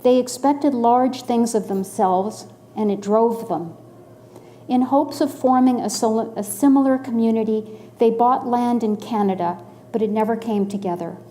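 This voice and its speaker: A woman in her sixties from the Los Angeles area, telling a personal story in a measured, dryly humorous way. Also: fairly high pitch, warm tone, a little hiss or hum. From Los Angeles area, USA.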